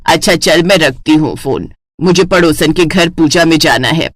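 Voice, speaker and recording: A woman's voice: low-pitched, normal speed, no room sound, clean studio sound, pitched below the performer's own voice. A woman voicing a blunt, teasing middle-aged mother who mocks her daughter. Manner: teasing, mocking.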